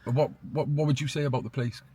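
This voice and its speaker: A man's voice: medium pitch, fairly even intonation, fast, warm tone, husky. A man with a Welsh valleys accent interviewing people casually, chatty and agreeable, often ending on tag questions. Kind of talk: casual vox pop interview. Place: outdoors in a village street. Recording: outdoor street, faint traffic noise.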